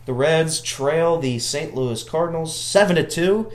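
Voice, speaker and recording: A man co-hosting a casual sports chat in a living room, with dry, self-deprecating joking and a medium-pitched voice. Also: animated, unhurried, reverberant. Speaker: podcast host.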